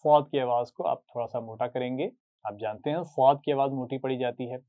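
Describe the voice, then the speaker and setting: A man's voice: mid-range voice, a little fast. A man teaching a Quran recitation lesson, patiently drilling short syllables for students to repeat, with a Pakistani Urdu accent. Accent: Urdu-speaking, Pakistani. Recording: tinny phone-like sound.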